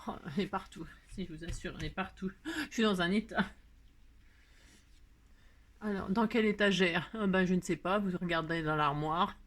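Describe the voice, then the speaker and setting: A woman's voice: on the low side, steady tone, normal speed, long pauses. A middle-aged woman hosting a casual craft tutorial, chatty and rambling with lots of fillers and repeated words. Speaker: craft video host.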